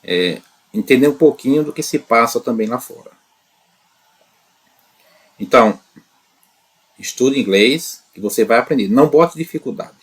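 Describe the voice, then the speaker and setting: A man teaching an English lesson on his channel, talking in an unhurried, encouraging way and filling pauses with little tag questions. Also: mid-range voice, lively intonation, husky. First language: Portuguese. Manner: unhurried, fills pauses with "né" and "tá bom"; encouraging, talks straight to learners. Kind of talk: casual spoken lesson to camera.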